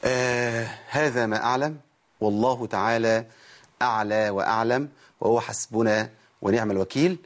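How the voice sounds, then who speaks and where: A tired Egyptian Arabic-accented man presents a televised tajweed lesson at normal speed and a medium pitch. Teaching Quran recitation, he explains things step by step, demonstrates sounds, and questions those watching.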